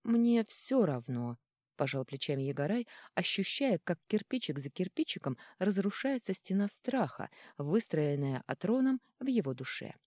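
A woman narrating an audiobook in an expressive, dramatic reading style. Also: on the low side, normal speed, no room sound, clean studio sound.

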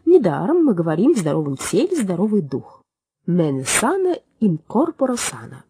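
Brief: a woman as a kind storybook doctor, soft and patient. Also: mid-range voice, huge pitch swings, normal speed, background noise. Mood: gentle. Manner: gentle, reasoning.

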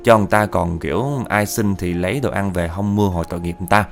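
A man's voice: low-pitched, steady tone, fast talker, vocal fry, soft background music. A man voicing a middle-aged woman hairdresser who speaks politely.

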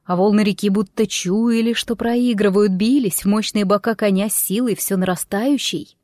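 A woman's voice: mid-range voice, steady tone, moderate pace, a little mellow, dry recording, clean studio sound. A woman narrating a fairy tale audiobook in first person, reading expressively and giving the characters their own voices.

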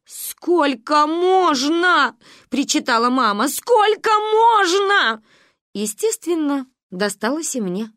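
A woman narrating a humorous story in a lively, expressive reading. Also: mid-range voice, dry recording, clean studio sound.

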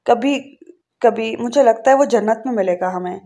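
Woman doing a soft wistful wife, tender and chatty. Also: on the high side, lightly acted. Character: talkative middle-aged wife, wistful and tender.

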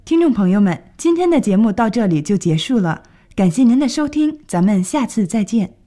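A woman presenting a scripted radio language lesson, clearly explaining and translating each phrase. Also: fairly high pitch, big pitch swings, fairly quick, mellow. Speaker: radio English teacher.

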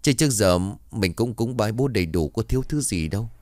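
A man's voice: on the low side, animated, a little fast, darkish tone, no room sound, clean studio sound, lightly acted. A man voicing a worried young mother who soothes her husband and child. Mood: soothing. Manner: soothing, anxious.

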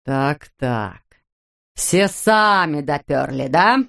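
A woman reading an audiobook voices a furious, brutal middle-aged father who growls slowly and menacingly. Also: a little high, animated, creaky, pushed and bright, voice pushed down, exaggerated voice.

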